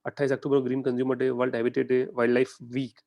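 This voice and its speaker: A young Indian man giving a conversational exam-prep lecture, often putting quick questions to his students. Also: medium pitch, completely flat delivery, creaky, darkish tone. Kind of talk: online lecture in mixed Hindi and English.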